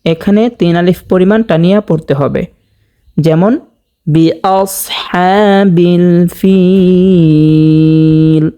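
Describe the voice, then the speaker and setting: A man's voice: high voice, moderate pace, warm tone. A man teaching Quran recitation step by step, patiently repeating each word and drawing out the recited vowels as he explains the rules to his viewers. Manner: addresses viewers directly as dear viewers. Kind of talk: step-by-step tajweed lesson.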